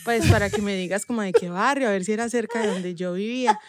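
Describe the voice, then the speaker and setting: A woman's voice: medium pitch, quick pace. A woman telling an amused anecdote in a voice note. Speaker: listener sending a voice note.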